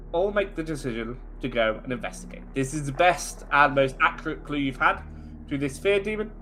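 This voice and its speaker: Lively-pitched man running a tabletop game. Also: a little hiss or hum. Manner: animated, storytelling, chatty asides to players. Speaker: game master.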